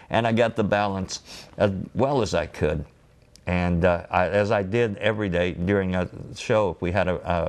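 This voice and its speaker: Older man with a deep, gravelly voice. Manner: rambling, with frequent filler pauses. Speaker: former TV audio engineer. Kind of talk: oral-history storytelling.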